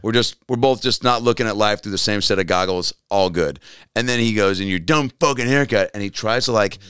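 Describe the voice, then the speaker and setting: A man's voice: on the low side, a little fast, a bit bright, smooth, dry recording, studio quality. A man, a comedian guest on a podcast, telling a story in casual chat and acting out the quotes.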